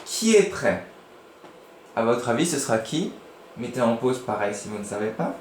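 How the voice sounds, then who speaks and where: A man giving a lively lesson to young children, using playful voices. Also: medium pitch, normal speed. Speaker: teacher. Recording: echoey room with faint noise.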